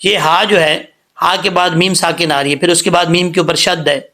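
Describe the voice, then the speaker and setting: A man teaching Quran recitation rules, spelling words letter by letter and chanting verses slowly, often checking that listeners follow. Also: a little high, steady tone, pushed and bright. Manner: slow, drawn-out chanting when reciting, patient explaining; checks understanding with repeated questions.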